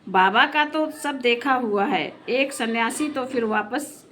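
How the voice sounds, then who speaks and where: A woman leads a spiritual class, explaining a scripture reading in an earnest, patient way. Her voice sits fairly high, and she often turns to her listeners with questions. A faint background noise is heard behind her. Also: slow pace, a bit bright.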